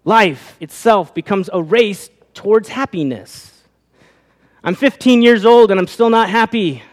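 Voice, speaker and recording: A pastor preaching a sermon, asking his listeners rhetorical questions, his voice rising and falling. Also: high voice. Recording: long reverb of a hall.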